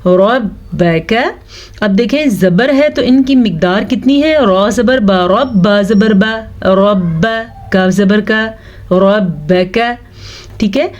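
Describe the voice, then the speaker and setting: A woman teaching Quran recitation step by step. She spells out letters and vowel marks syllable by syllable, and she chants the verses slowly. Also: medium pitch, darkish tone. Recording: dull lo-fi recording.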